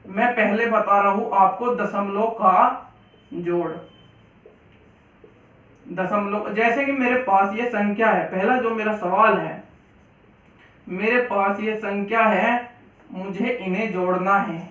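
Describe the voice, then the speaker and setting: A man's voice: sits high, fairly even intonation, slow pace, long pauses, a bit bright. A man teaching math to viewers, explaining patiently and repeating each step. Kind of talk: Hindi classroom-style lesson. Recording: echoey, distant, dull room sound.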